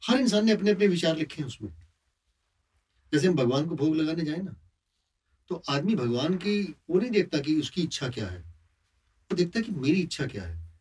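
Animated man expounding from afar. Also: a little high, normal speed, pauses often, breathy edge, distant mic. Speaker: saint at a religious gathering. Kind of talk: discussion talk.

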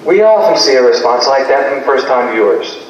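A man's voice: mid-range voice, animated, a little fast, slight background noise, lightly acted. A man playing a courteous male research-station staffer in a live stage play. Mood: polite. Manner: courteous, helpful. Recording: dull, echoey hall, distant mic.

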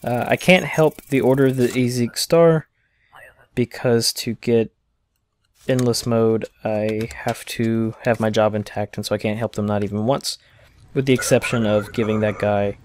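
A man's voice: lowish voice, fairly even intonation, a little slow, darkish tone, a little hiss or hum. A man casually commenting as he plays a video game, chatting and reading its text aloud. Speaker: let's play host.

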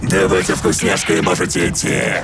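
A man voicing a gluttonous, sly monster villain in an animated comedy dub, gravelly, erratic and taunting. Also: low voice, fairly quick, natural voice. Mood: sly, greedy. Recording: loud music behind.

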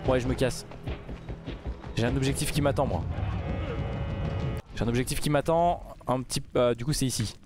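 A man giving casual let's play commentary, mumbling then bursting into loud outbursts. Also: medium pitch, normal speed, long pauses, music in the background. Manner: excitable, swings from mumbling to outbursts. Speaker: gaming YouTuber.

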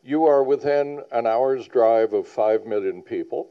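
A man's voice: medium pitch, a little slow, clear, resonant tone. A man on a planning panel giving a public presentation, earnest and emphatic, repeating key points. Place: public meeting hall. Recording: dull lo-fi sound.

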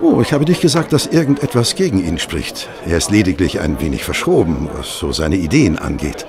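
An actor playing Stamford, an affable, chatty former hospital assistant doctor, in a radio play. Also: male voice, low voice, sing-song, fairly quick. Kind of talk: German radio play acting. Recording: restaurant crowd murmur behind. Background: restaurant chatter.

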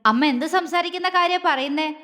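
A woman voicing a serious young husband who speaks gravely and curtly. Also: high-pitched, a little fast, pushed and bright, in a large hall. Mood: stern. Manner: grave, curt.

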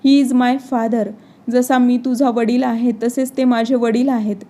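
A man's voice: very high voice, little pitch movement, a little slow, warm tone. A woman reading a blunt, hot-tempered grown son. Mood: angry. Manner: blunt, sarcastic. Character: grown son, blunt then torn and furious.

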